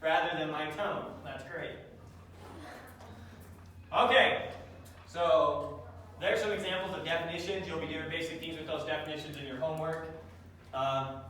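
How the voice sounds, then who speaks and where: A man lectures a math class, throwing questions at the students and slipping in dry jokes. His voice sits a bit high for a man. The recording is taken from across an echoey classroom, distant and full of reverb. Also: a bit bright, slight background noise. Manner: dry joking, quizzes the class. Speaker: math teacher. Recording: echoey classroom taped from far off.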